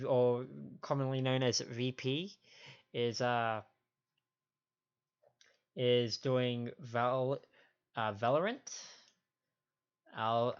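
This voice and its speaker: Smooth and mid-pitched, a male livestream host makes casual conversation, sniffly and prone to hesitant, meandering tangents. Faint music sits under the dull, lo-fi stream sound.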